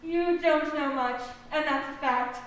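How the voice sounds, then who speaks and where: A woman's voice: high voice, a little slow. Woman playing a bossy, rude duchess. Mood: brusque. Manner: brusque, bossy and loud. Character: rude, bossy noblewoman, loud and brusque. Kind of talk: stage play acting. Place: school stage in an auditorium. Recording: echoey hall from far off.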